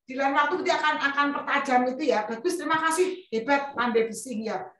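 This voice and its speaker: A woman's voice: sits high, a little fast, fairly bright tone. A woman teacher giving a primary school lesson in a chatty, playful way, teasing her pupils with asides. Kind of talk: classroom lesson. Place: classroom. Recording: echoey room from far off, faint noise.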